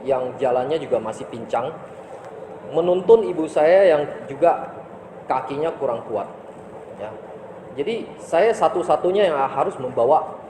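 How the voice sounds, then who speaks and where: A man's voice: medium pitch, background noise. A man, a martial arts instructor, telling a personal story to camera in a casual, emphatic way, often tossing in rhetorical questions. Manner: animated, emphatic storyteller with rhetorical tags and chuckles. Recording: echoey room with long reverb, faint ambience.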